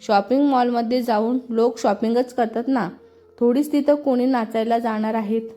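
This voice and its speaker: A woman's voice: a little high, steady tone, normal speed, warm tone, natural voice. A woman voicing a sarcastic bride-to-be sister. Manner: retorting, sarcastic. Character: young woman about to marry, sharp-tongued sister.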